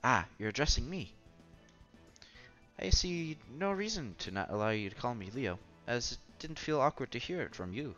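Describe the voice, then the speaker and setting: A man's voice: medium pitch, big pitch swings, normal speed, a bit bright. A man voicing a poised, polite teenage boy with a formal, gracious way of speaking. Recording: slightly dull with music behind.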